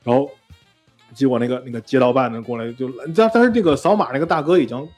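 A man co-hosting a casual chat podcast, telling a story with animated mimicry and many restarts. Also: mid-range voice, quick pace, slightly rough, faint music behind. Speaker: podcast co-host.

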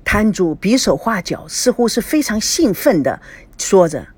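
A woman narrating an audiobook story in an expressive, lively storytelling manner. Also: medium pitch, unhurried, breathy edge, dry recording.

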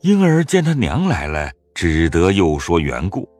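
A narrator telling a classic novel in measured scripted narration, with a husky voice. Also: sits low. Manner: measured storytelling with lively rise and fall.

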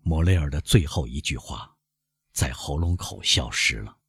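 A man narrating a classic novel as an audiobook, measured and expressive. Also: a bass voice, gravelly, breathy edge, dry recording, studio quality. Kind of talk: slow scripted narration.

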